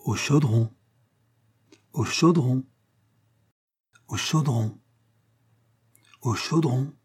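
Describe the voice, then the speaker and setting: A man's voice: medium pitch, expressive, moderate pace, mellow, husky. A man voicing a chatty, eager elderly village woman who coaxes and insists. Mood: insistent. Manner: coaxing, insistent.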